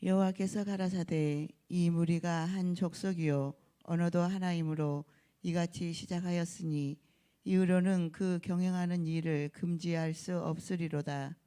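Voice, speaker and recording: Congregant reading scripture aloud in turn, mellow smooth voice, steady delivery. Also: mid-range voice, unhurried.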